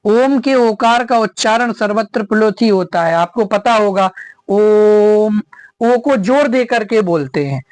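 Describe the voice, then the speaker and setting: Slow, patient grammar teacher. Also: medium pitch, dry recording. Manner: repeats definitions and asks rhetorical check-in questions. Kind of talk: grammar lesson lecture.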